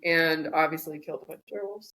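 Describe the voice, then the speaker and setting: A woman with a slightly low voice co-hosts a podcast, chatting casually. She tells her stories in a joking, rambling way. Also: quick pace, sharp tone. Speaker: podcast co-host. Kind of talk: casual chat.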